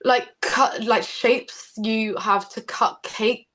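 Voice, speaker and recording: A woman's voice: fairly high pitch, fairly even intonation, takes it slowly, a bit bright. A young woman musician chatting in an interview, chatty and giggly. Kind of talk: casual interview.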